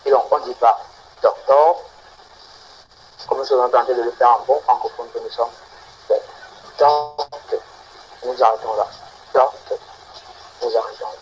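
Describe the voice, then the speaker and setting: A man teaching English phonetics in an online class, slowly and repeating example words deliberately. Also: mid-range voice, little pitch movement, muffled recording, a little hiss or hum. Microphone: video call.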